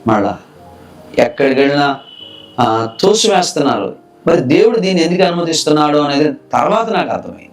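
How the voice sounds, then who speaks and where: A man's voice: on the high side, lively intonation, brisk, pauses often. A man from Andhra Pradesh giving an earnest, emotional personal testimony of his conversion. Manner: earnest, emotional retelling with acted quotes. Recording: distant mic with soft background music.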